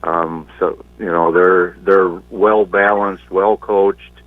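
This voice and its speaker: Basketball coach guy on a phone line, deep voice, halting plain talk. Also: fairly even intonation, no echo. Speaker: high school basketball coach. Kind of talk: interview by phone. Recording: tinny dry phone line.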